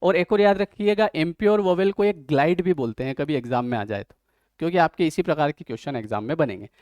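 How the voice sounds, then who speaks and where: Indian guy teaching an exam prep class, kinda high voice, dry close sound, keeps asking if u got it. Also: quick pace, a little mellow, no room sound. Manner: explains step by step, keeps checking if students follow. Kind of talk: online exam-prep lesson.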